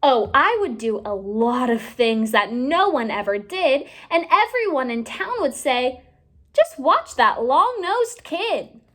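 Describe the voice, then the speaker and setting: A high-voiced woman, a teacher, reads a storybook aloud to children. Her pitch swings up and down in a lively way, and she paces herself slowly, drawing words out expressively for her young audience.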